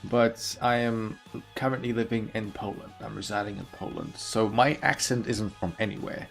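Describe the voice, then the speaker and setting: Gravelly-voiced man chatting with viewers live. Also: on the low side, moderate pace, soft background music. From Belarus. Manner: chatty, reads and answers chat aloud. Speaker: chess streamer. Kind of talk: casual live-stream chat.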